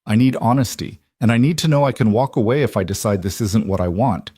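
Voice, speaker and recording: A man voicing a young woman who calmly sets her terms in a storybook. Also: on the low side, a little fast, breathy edge, no echo, clean studio sound. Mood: earnest. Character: young woman standing up for herself.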